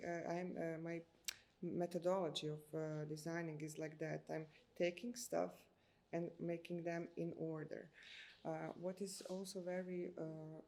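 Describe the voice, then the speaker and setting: Thoughtful Croatian woman in her thirties, lowish voice, halting English full of fillers, faint hiss behind. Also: warm tone. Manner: hesitant, many filler sounds, searching for words. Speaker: architect. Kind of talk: interview answers.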